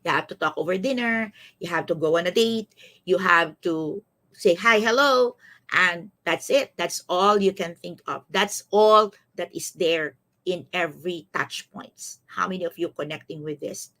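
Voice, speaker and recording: A Filipino life coach in her fifties hosts a live-streamed motivational talk, repeating phrases and often checking in with listeners. Her Filipino-accented voice is lowish, measured in pace, pushed and bright.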